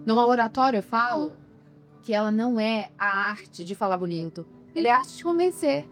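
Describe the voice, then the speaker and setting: Over soft background music, a public-speaking coach talks in a podcast interview in a slightly high, animated, fairly quick voice. She's emphatic and keeps asking rhetorical questions.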